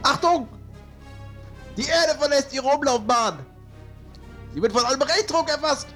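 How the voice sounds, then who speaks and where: A frantic starship commander yells alarms over a faint, distant radio link. His voice is squeaky high and sharply bright, and music plays softly behind him. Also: expressive, a little slow, exaggerated voice. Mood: panicked. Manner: frantic alarmed shouting of warnings. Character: panicked male starship commander radioing for help.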